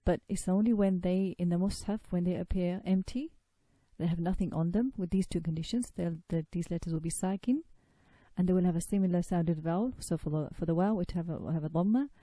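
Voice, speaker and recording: A woman's voice: on the low side, a little fast, warm tone, dry recording. A woman giving a recorded lesson on pronouncing sacred recitation, patiently explaining and demonstrating sounds by drawing out long vowels. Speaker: tajweed teacher.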